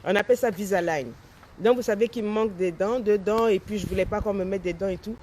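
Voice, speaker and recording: A woman's voice: medium pitch, fast talker, warm tone, a little hiss or hum. A woman in her forties, a life coach chatting casually on a live stream, talking with a slight lisp from a dental aligner and answering viewers' comments. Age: 40s.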